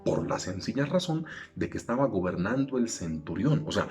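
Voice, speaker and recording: A low-voiced man preaches a church teaching in a chatty, conversational manner. He breaks into sharp emphatic rises now and then, and a faint guitar plays softly behind him. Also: big pitch swings, normal speed. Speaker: pastor. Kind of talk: sermon.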